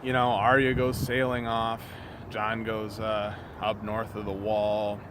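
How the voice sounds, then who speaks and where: A man's voice: on the low side, monotone. Drunk, exasperated man ranting over background noise. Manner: drunken, rambling, halting, repetitive; exasperated, profane. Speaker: YouTube reviewer. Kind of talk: off-the-cuff video rant about a TV show.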